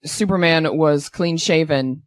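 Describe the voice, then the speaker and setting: A woman's voice: deep voice, measured pace, no echo. A woman co-hosting a casual movie podcast, blunt and sarcastic, swearing freely as she picks apart a film. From Canada. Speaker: podcast co-host.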